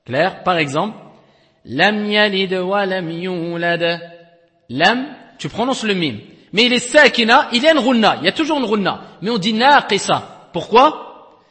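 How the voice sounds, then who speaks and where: A man giving a recited-text lesson in a step-by-step teaching style, often checking that his students follow and chanting examples slowly. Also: high voice, sing-song, sharp tone, big-room sound. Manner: explains step by step, often checks with "d'accord?" and "clair?". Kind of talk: recorded tajwid lesson.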